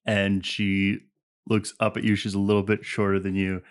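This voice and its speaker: A man narrating as game master in relaxed, descriptive casual speech, calling for dice rolls. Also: on the low side, moderate pace.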